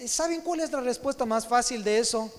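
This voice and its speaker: A man preaching as pastor, emphatic, slowly stretching out the key words of his sermon. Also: very high voice. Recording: long hall reverb.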